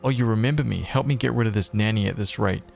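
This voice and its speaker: A man's voice: lowish voice, fast, vocal fry, a little mellow. A man reading the lines of Hode, a surly young soldier, in a video game.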